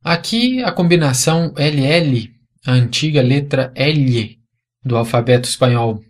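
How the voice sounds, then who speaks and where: A man with a Brazilian Portuguese accent teaching a language lesson, patiently explaining and repeating example words clearly. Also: mid-range voice, lively intonation, measured pace.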